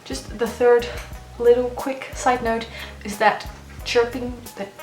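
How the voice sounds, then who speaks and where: Chatty girl vlogger, woman w highish voice, talks a bit funny like her jaw is swollen, music behind. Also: fairly even intonation, slow pace, a little mellow, echoey room, rough recording. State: swollen jaw after wisdom teeth removal, speech slightly impeded. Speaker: letter-writing blogger and video host. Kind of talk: casual chatty how-to vlog.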